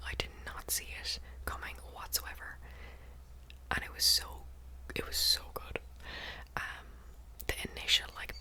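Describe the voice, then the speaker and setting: A woman whispering ASMR close to the mic in a casual book chat, breathy and unvoiced, softly repeating words and phrases. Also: rough recording. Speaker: book review vlogger.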